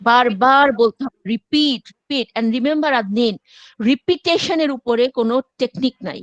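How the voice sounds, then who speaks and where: Woman lecturer, high voice, dry close sound, step-by-step teaching with English asides. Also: moderate pace, dry recording, lo-fi sound. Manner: explains step by step, mixing in English phrases. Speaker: university lecturer. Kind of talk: classroom lecture.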